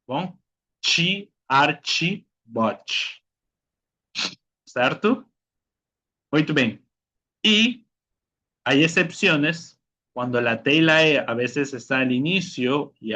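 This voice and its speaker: A man's voice: mid-range voice, pushed and bright. A man teaching a beginner language class, drilling pronunciation, repeating words and checking in with "ok?". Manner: calls on students by name. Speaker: Portuguese teacher.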